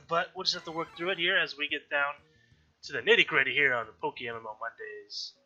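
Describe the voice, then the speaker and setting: In a let's-play video, a man hosts and chats casually through the game he's playing, his voice a little high, fairly quick, bright and forceful, with an allergy-stuffed, slightly nasal quality. He's talkative, often correcting himself and clearing his throat. The audio is dull and lo-fi, with faint music in the background.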